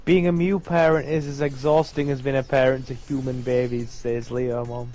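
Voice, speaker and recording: A man co-hosts a game stream, chatting casually and reading viewer comments aloud in a mid-pitched voice. Faint game music plays behind him. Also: little pitch movement, normal speed, darkish tone. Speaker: co-host. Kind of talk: casual chat.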